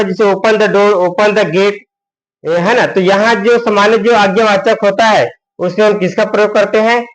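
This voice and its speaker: A man's voice: high-pitched, poor audio. A man teaching English grammar, who keeps asking questions and answering them himself, with a frequent "है ना". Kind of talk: Hindi-medium grammar lesson.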